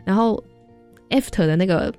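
A woman's voice: medium pitch, moderate pace, faint music behind. A young adult woman, a social worker, telling stories in a radio interview and acting out the voices of people she quotes. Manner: lively storyteller, acts out quoted voices.

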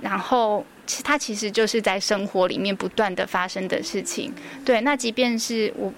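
A woman's voice: medium pitch, normal speed, a little hiss or hum. A woman with a Taiwanese Mandarin accent, a preschool teacher guest on a radio interview, telling stories earnestly with many fillers.

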